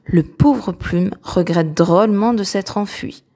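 A woman reads a children's story aloud, slowly and expressively. Her voice has a gravelly edge, and she lingers on each line. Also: medium pitch. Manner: slow, expressive storybook reading.

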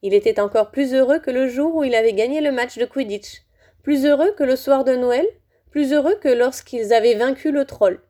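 Storybook reader: a woman with a fairly high, mellow voice, steady and expressive. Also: moderate pace. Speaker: audiobook reader. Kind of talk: storybook read aloud.

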